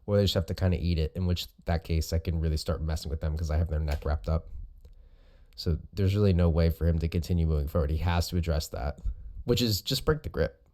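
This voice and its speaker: Deep, mellow-voiced man coaching casually. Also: quick pace. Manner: informal, explanatory. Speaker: host and jiu-jitsu coach. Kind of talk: casual video commentary on recorded sparring.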